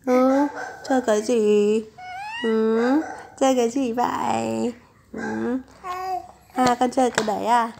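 A young woman, hoarse from a flu, coaxing her baby and chatting to viewers in a casual home vlog. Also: on the high side, fairly even intonation, takes it slowly, pauses often, noisy background. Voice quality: gravelly, husky voice. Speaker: mother vlogging with her baby. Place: home bedroom, on the bed.

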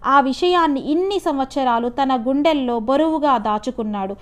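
A woman's voice: high-pitched, normal speed, smooth. Telugu woman lecturer reading a story aloud. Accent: Telugu regional (Andhra).

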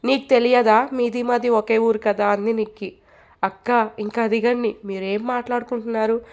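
A woman's voice: on the high side, fairly even intonation, normal speed, darkish tone. A woman narrating a romance story aloud, reading all the characters' lines herself with light acting. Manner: reads all parts, lightly acting dialogue.

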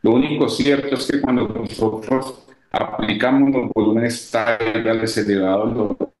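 A man giving a measured technical lecture on a video call, his voice breaking up and cutting out over an unstable connection. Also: fairly low pitch, steady tone, a little mellow, echoey room, rough recording. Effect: choppy, breaking-up call audio. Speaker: lecturer at a medical academic week. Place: echoey room.

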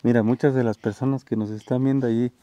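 A man's voice: medium pitch, steady tone, fast talker, no room sound, highs cut off. Folksy Mexican man talking outdoors. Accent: Mexican Spanish. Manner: warm, folksy, talks gently to children. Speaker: host. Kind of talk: on-location vlog narration. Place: outdoors in a rural village.

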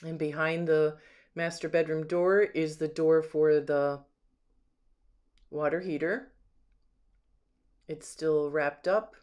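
Pausing often and taking it slowly, a home sales agent speaks in a flat, medium-pitched, darkish voice. Filming on a handheld camera inside an empty house, the agent casually describes and admires each item without a script.

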